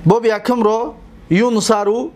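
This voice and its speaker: A man teaching Arabic grammar to a class. He sounds out word forms slowly and asks questions that he then answers himself. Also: sits high, fairly even intonation, a little mellow. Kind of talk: classroom lesson.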